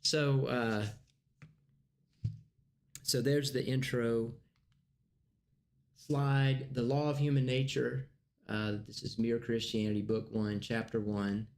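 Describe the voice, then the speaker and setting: Halting man leading a church class. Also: medium pitch, steady tone. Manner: conversational, halting, many restarts. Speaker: Bible class teacher. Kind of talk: casual teaching.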